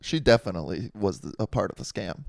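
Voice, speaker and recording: A man's voice: low voice, animated, quick pace, creaky, a little mellow, dry recording, clean studio sound. A man co-hosting a casual comedic podcast, laid-back, joking along and laughing easily. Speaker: podcast co-host.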